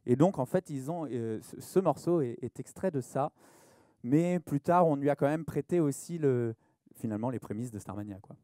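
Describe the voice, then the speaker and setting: A man in a singing duo, chatting casually in quick bursts as he introduces songs at a live show in a library café. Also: mid-range voice, animated, dark tone, no echo, studio quality. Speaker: singer in a duo. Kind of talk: live stage introductions and chanson duet singing.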